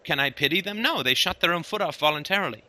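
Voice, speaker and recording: A man's voice: a little high, animated, quick pace, bright, forceful tone. A man hosting a casual conversation, talking emphatically and often checking in with "right?". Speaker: host.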